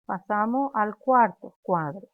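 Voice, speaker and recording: A woman with a Paraguayan accent teaching a language class, speaking slowly and clearly and repeating phrases for students to echo. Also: mid-range voice, lively intonation. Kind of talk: classroom lesson, drilling conjugations. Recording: dry, phone-like narrow sound.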